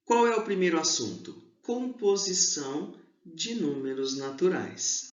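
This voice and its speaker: A male teacher giving an exam review lesson to schoolchildren, explaining slowly and stressing key syllables. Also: a little high, expressive. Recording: echoey room, dull lo-fi sound.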